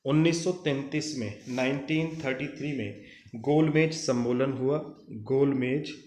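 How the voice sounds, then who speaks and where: A man's voice: medium pitch, measured pace, a little mellow, roomy sound. A man teaching a commerce lesson, repeating dates and answering his own questions, mixing English terms into Hindi. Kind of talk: classroom lecture.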